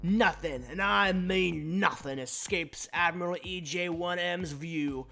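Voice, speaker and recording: A man's voice: high voice, takes it slowly, creaky, pushed and bright, soft background music, exaggerated voice. A man voicing a boisterous pirate storyteller, in theatrical pirate slang. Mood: boastful.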